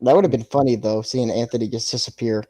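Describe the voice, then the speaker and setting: A man co-hosting a casual fan podcast, talking in an excitable, playful, jokey way. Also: mid-range voice, fast, no room sound. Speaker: podcast co-host.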